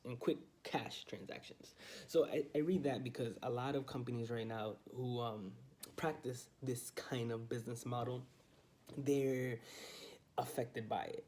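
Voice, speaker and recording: A young realtor films a handheld morning vlog on his phone from his study at home, talking casually and upbeat. He's chatty and loose, using lots of fillers, and his mid-range voice has a warm tone.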